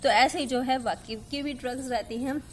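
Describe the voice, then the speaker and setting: A woman lecturer with a slightly high voice, speaking in Hindi and patiently spelling out drug names syllable by syllable. She talks to her students fondly and keeps checking in with them. A faint hiss of background noise runs under the recording. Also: normal speed. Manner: checks in with the listener, often asking "ठीक है"; affectionate, calls the student "बेटा". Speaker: pharmacy teacher. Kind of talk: explaining lecture with memory tricks.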